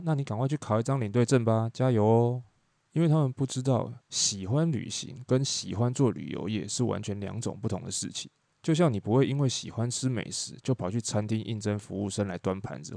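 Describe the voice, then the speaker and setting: A man's voice: on the low side, vocal fry, darkish tone, dry recording. A man who works as a tour leader hosts a solo podcast, telling wry, chatty stories from his job. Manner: chatty, wry storytelling with quoted dialogue.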